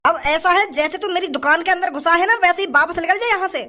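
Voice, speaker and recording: Woman doing a gruff, scornful stingy shopkeeper. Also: very high-pitched, fast, pushed and bright. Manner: rude, scolding, dismissive. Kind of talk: cartoon comedy voice acting.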